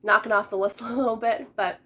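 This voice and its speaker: Woman, late 20s, book vlogger; fairly high, slightly hoarse voice from a cold; chatty, upbeat. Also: steady tone, fast talker, fairly bright tone. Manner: chatty, upbeat, laughs often. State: sick, voice going. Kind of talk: casual chat to camera.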